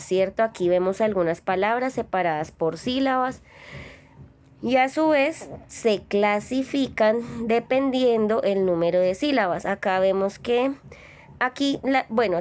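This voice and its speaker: Lady teacher, super slow and patient, spells out syllables for kids. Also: mid-range voice, darkish tone. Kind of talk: recorded Spanish lesson for children.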